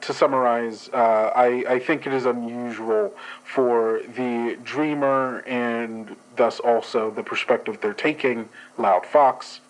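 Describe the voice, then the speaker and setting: Speaking slowly and with few pauses, a man with a medium-pitched voice voices a guarded, formal agent who analyses dreams. It's an in-character report from an actual play, full of hesitation and rigid bureaucratic wording, captured on a rough recording.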